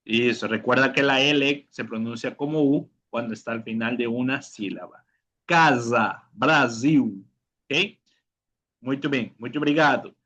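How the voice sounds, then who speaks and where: A man's voice: mid-range voice, moderate pace, fairly bright tone. A man teaching a beginner language class, drilling pronunciation, repeating words and checking in with "ok?". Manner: calls on students by name. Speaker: Portuguese teacher.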